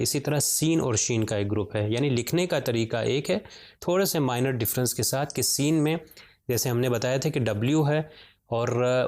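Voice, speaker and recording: A man teaching how to read Quranic letters, patient and slow, stretching out each sound with frequent hesitation fillers. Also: medium pitch, darkish tone. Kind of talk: step-by-step lesson on Arabic letters and vowels.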